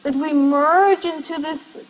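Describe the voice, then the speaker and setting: A woman lecturer with a high voice speaks slowly as she leads a university class through the material step by step, stopping to ask the students questions. The lecture hall lends a long echo.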